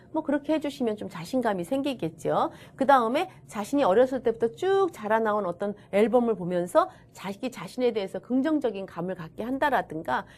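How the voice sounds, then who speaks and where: A woman lectures to camera for an online course, her fairly high voice leaping up and down. She talks in a chatty way and acts out short bits of what teachers and children say. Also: darkish tone. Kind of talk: recorded video lecture. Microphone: camera-recorded lecture.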